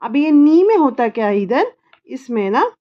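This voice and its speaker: A woman's voice: high voice, very animated, normal speed, highs cut off. A woman teaching her child English body words, patiently repeating each word and spelling it letter by letter. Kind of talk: slow spelling lesson.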